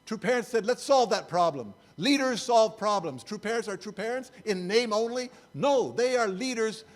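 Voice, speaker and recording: A man's voice: high-pitched, expressive, moderate pace. An older man, a church speaker, giving a sermon-style talk with slides in a wry, incredulous, conversational way.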